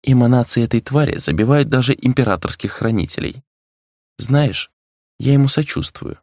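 A man's voice: mid-range voice, moderate pace, darkish tone, no echo, studio quality, voice pushed up, close to an everyday voice. A man voicing a cool, detached spirit. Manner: cool, indifferent, musing. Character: detached ancient spirit speaking through a girl.

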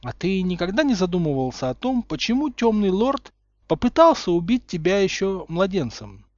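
A man's voice: high-pitched, big pitch swings, normal speed, no room sound, pitched above the performer's own voice. Man playing an icy villain lad, insistent, cold, dull dry recording. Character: cold, menacing young male villain.

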